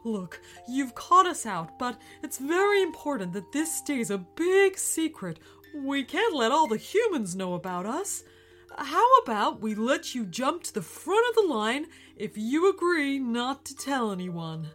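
A woman's voice: high-pitched, very animated, a little slow, a bit bright, faint music behind, pitched above the performer's own voice, full character voice. A woman voicing a nervous, polite male dinosaur in disguise, stammering and apologetic in a storybook reading. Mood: pleading. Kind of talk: storybook character voice.

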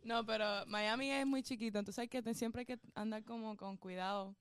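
A woman's voice: on the high side, steady tone, a little fast, clean tone, no echo. A woman co-hosting a casual podcast chat, teasing the others and laughing often.

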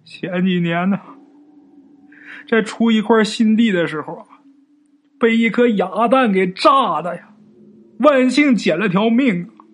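A man's voice: very high-pitched, level tone, voice pushed up. A man voicing a grieving younger son who wails and pleads through tears. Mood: wailing grief. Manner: wailing, drawn-out tearful pleading. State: crying.

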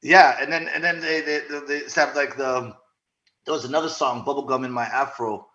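A man in his forties, born in Zaire and raised in the United States and Zimbabwe, chats casually as a podcast guest, sharing anecdotes in an animated, halting manner with repeated words and frequent check-in tags. His voice is mid-range, and the sound is lo-fi.

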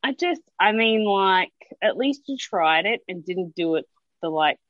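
A woman's voice: mid-range voice, expressive, a little slow, no room sound, lo-fi sound. Blunt profane Australian woman. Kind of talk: casual chat.

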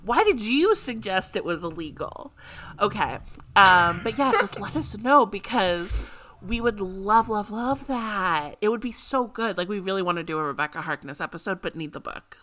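Bright, giggly young woman co-hosting. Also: medium pitch, moderate pace, a little hiss or hum. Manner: giggly, excitable and chatty. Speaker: podcast co-host. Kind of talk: casual chat.

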